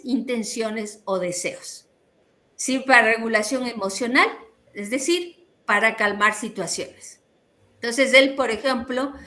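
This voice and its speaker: Woman calmly explaining as an interviewer. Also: a little high. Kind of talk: explanatory talk.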